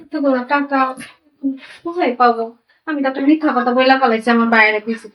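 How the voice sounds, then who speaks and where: An actress playing a deceitful young wife, pleading and wheedling, with a Bangladeshi accent. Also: female voice, high-pitched, fast talker, muffled recording, natural voice. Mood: anxious. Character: deceitful young wife hiding spent money. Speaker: migrant worker's wife. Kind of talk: amateur drama acting. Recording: voice distant from the mic.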